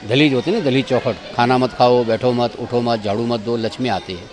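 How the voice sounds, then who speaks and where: A man's voice: medium pitch, fairly even intonation, brisk. A man giving a guided tour of temple grounds outdoors, directive as he keeps pointing things out to his visitors.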